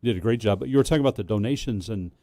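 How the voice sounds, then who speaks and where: A man's voice: fairly low pitch, racing, mellow, dry recording. A man from a museum staff talking on a radio show, friendly and plain-spoken. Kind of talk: casual talk radio chat.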